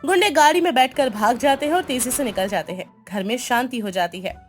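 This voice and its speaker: High-voiced woman narrating a storybook. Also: a little fast, faint music behind. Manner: steady, descriptive.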